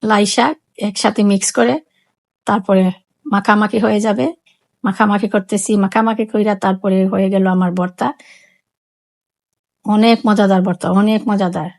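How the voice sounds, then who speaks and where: A woman's voice: medium pitch, steady tone, moderate pace, vocal fry, pauses often, darkish tone. A woman with a Sylheti Bengali accent, walking viewers through a home cooking demonstration in a chatty, repetitive way. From Sylhet, Bangladesh. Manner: chatty, repeats phrases, explains each step. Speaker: cooking vlogger.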